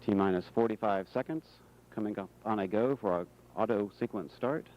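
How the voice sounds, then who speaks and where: A man's voice: on the low side, a little hiss or hum. Man announcing a launch countdown, dull radio sound. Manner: measured, official announcing. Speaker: launch commentator. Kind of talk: formal launch countdown commentary. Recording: dull, band-limited radio feed.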